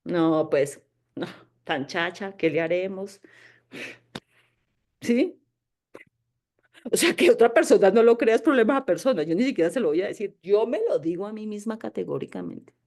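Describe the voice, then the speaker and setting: Woman, spiritual teacher with a warm, dark tone, casual and emphatic, checks in with her class a lot. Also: medium pitch, expressive, moderate pace, pauses often. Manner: emphatic, asks "¿sí?" often, mimics inner voices.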